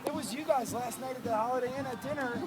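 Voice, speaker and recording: A man's voice: very high voice, quick pace, heavy background noise. A man coaching youth football, speaking earnestly outdoors to his team and repeating phrases for emphasis. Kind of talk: impromptu motivational team speech.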